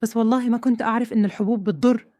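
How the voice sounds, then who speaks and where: Brief: woman reading a timid male servant in broken Arabic, fast and dark-toned, dry close sound. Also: fairly high pitch, steady tone, no echo, close to an everyday voice. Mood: pleading. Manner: simple broken phrasing, pleading. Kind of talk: storytelling dialogue.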